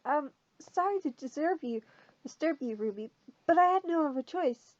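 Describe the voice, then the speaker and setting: A woman voicing a nervous male manager who talks in a shaky, hurried, apologetic way. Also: sits high, expressive, a little mellow, dry recording. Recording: dull lo-fi sound.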